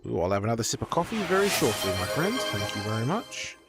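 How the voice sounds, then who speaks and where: A man streaming casual chat while painting, swearing freely and prone to excited outbursts. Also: mid-range voice, fast, loud music behind the voice.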